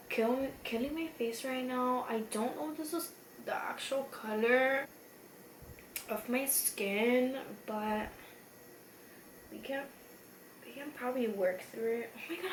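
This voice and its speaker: A woman's voice: high voice, unhurried. A tipsy woman chatting casually through a makeup tutorial, rambling and self-deprecating with mild swearing. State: tipsy from beer. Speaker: beauty vlogger, tutorial host. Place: echoey room at home. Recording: echoey room with faint noise.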